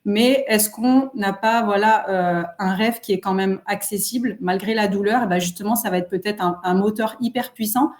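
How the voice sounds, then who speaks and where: At normal speed and with hardly any pauses, a woman in her 30s speaks in a medium-pitched voice as a guest entrepreneur. She is earnest and reflective in this casual interview, with many fillers.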